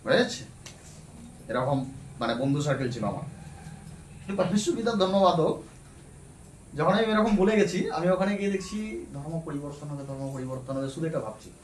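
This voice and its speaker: A man's voice: fairly high pitch, expressive, fairly quick, pauses often, slight background noise. A man giving a fervent spoken testimony at a church meeting, repeating his words of praise. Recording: echoey hall, mic off at a distance.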